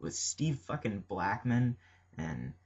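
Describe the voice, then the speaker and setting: A man's voice: lowish voice, slow, husky, highs cut off. A man ranting casually about pro wrestling, profane and full of fillers. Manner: profane, filler-heavy, excitable. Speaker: wrestling fan vlogger. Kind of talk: casual rambling rant.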